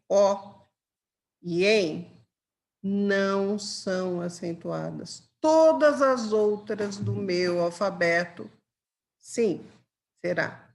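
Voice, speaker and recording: Brazilian woman, grammar teacher, unhurried delivery, patient, checks in often. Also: mid-range voice. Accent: Brazilian Portuguese. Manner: patient, explains with examples and checks in with "tá?". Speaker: Portuguese teacher. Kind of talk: exam-prep grammar lesson.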